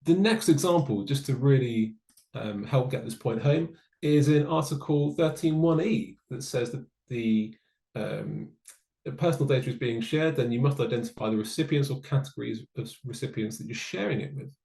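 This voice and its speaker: A man giving a webinar presentation, explaining in a measured way with dry asides. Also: medium pitch, gravelly, mellow, reverberant, low-quality recording. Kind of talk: online presentation on data law.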